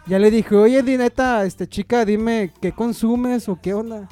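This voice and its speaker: High-voiced Mexican man telling a story. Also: steady tone, unhurried, warm tone, soft background music. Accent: Mexican Spanish. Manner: rambling anecdote with slang and fillers. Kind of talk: casual storytelling chat.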